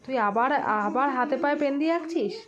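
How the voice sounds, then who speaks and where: High-voiced mother scolding her child. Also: lively intonation, brisk, dull audio. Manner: firm, coaxing and repetitive, with mild threats. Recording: loud music over the voice.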